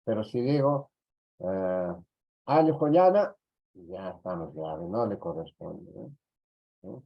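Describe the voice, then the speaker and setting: A Peruvian man gives a slow, lower-pitched lecture in an online class, checking in over and over with little tag questions. The audio comes through a computer mic on a video call, and it sounds dull and lo-fi. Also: vocal fry, breathy edge. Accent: Peruvian Spanish. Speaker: teacher.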